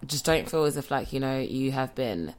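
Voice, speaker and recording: A woman's voice: a bass voice, expressive, normal speed. A woman hosting a casual podcast chat in a candid, conversational way, often circling with "like". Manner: candid, conversational, hesitant phrasing with many likes. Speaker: podcast host.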